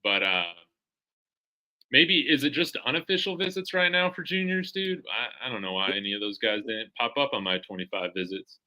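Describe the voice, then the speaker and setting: Host guy w a really bright sharp voice, keeps asking his guest stuff. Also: medium pitch, lively intonation, normal speed, low-quality recording. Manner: eager, asks questions and draws out the guest. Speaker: show host. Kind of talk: casual sports talk show.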